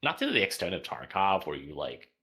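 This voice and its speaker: A man's voice: sits low, huge pitch swings, fairly quick, a crowd in the background. A man riffing and joking in casual gaming stream chat.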